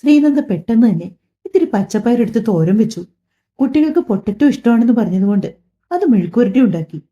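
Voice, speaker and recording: A woman narrating a family story audiobook in an even storytelling manner, with a dull lo-fi sound. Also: fairly high pitch, fast talker. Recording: dull lo-fi recording.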